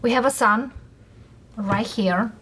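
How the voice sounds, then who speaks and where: A woman who is a non-native English speaker gives a casual tarot reading, speaking haltingly in short phrases with pauses. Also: a little high, a bit bright, breathy edge. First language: not English. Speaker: tarot reader host.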